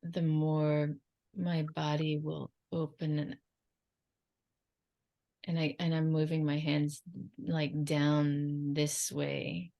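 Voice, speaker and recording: A woman channelling in a trance like a seance medium, in halting, drifting phrases with long silences and a creaky, low voice. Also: dark tone, dull audio.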